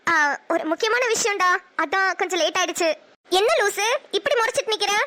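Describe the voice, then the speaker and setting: A woman voicing a lively, bold, teasing young woman in a cartoon, brash and playful. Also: very high voice. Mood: defensive. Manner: playful, brash, quick with jokes. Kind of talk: cartoon voice acting.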